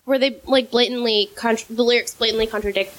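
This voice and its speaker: A woman's voice: fairly high pitch, fairly even intonation, a little fast. A young woman co-hosting a podcast, rambling casually about music with lots of fillers and giggles, sometimes talking through a mouthful of food. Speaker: podcast co-host.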